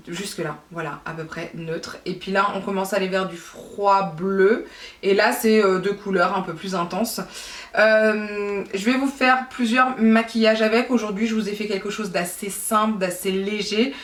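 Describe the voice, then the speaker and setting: Chatty woman in a roomy echo. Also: medium pitch. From France. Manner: chatty, hesitant, many fillers. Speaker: beauty vlogger. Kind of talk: casual makeup tutorial. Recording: roomy echo, distant mic.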